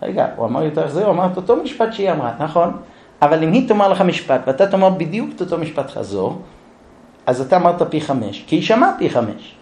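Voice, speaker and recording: Animated man teaching about marriage. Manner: acts out quarrels in a high whiny wife voice. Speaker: lecturer on marriage. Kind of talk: humorous relationship lesson. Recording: echoey room.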